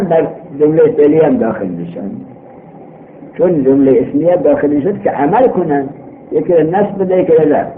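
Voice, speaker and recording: Lively male teacher on worn tape. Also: on the high side. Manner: explains step by step and quizzes students. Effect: old worn tape recording. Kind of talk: classroom grammar lesson. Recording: tinny old tape with hiss.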